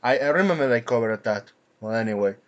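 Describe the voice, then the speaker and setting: A man hosting an angry commentary rant, indignant and swearing, with frequent halting restarts. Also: medium pitch, lively intonation, muffled recording. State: coughing from anger at times. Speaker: commentary channel host.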